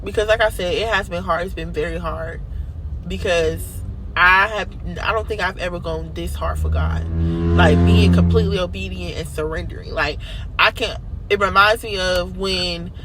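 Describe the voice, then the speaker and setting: A woman's voice: lowish voice, animated, normal speed, a bit bright, a little hiss or hum, low-quality recording. An American woman vlogger speaking with braces, giving earnest, emphatic, casual faith encouragement and repeating phrases for emphasis. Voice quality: speech slightly impeded by dental braces.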